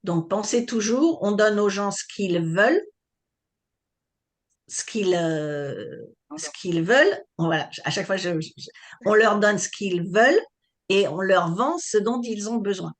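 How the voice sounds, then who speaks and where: Woman coach teaching a live webinar, explains patiently, keeps asking if it's clear. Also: mid-range voice, animated, a little slow. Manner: explanatory, checks on listeners with questions. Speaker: online business coach.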